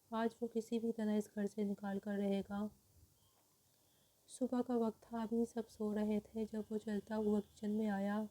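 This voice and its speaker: A woman narrating a romance novel as a scripted audiobook in a steady reading voice. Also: medium pitch, low-quality recording.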